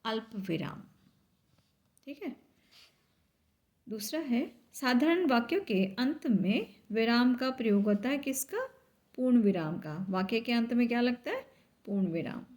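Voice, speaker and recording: Woman, teacher, slow, higher voice, step-by-step explaining. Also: animated, a little mellow. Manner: slow, explains step by step, asks and answers own questions. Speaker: school teacher. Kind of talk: grammar lesson.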